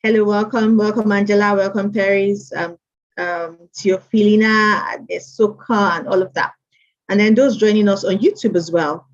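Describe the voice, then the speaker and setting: Hosting an online mentorship session, a woman with a mid-range voice talks at normal speed with fairly even intonation. She's chatty, welcoming attendees by name again and again, and the stream audio is dull and lo-fi.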